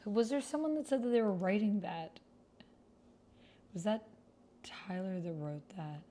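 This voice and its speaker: This woman's mid-range voice has a dark tone and a measured pace as she hosts a casual livestream and role-plays. She reads her typed text out loud, speaking to viewers and half to herself. The sound is clearly noisy, filled with computer keyboard typing.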